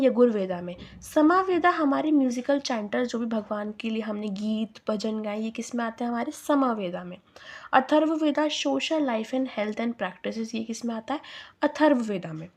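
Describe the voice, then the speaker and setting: A woman's voice: a little high, a little mellow. A young Indian woman teaching exam revision. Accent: Indian English. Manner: explains step by step, asks rhetorical questions and answers them; mixes English terms into Hindi.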